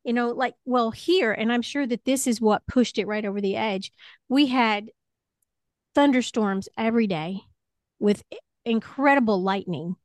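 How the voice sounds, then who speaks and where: A woman acting as a one-to-one spiritual coach speaks at normal speed in a slightly high voice. She reassures gently in a conversational manner, and the sound is very dry, with no echo.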